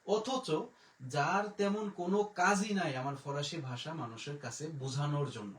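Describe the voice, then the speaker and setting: A man teaching a live French lesson, patiently explaining and repeating sounds slowly to demonstrate them. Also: a little high, distant mic. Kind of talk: live online language lesson. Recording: echoey room, voice a bit off-mic.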